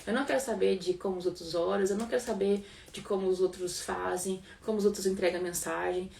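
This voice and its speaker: A woman's voice: mid-range voice, creaky, darkish tone, far from the mic. A Brazilian woman giving an informal devotional teaching in an earnest, conversational way, often repeating phrases for emphasis. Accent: Brazilian Portuguese.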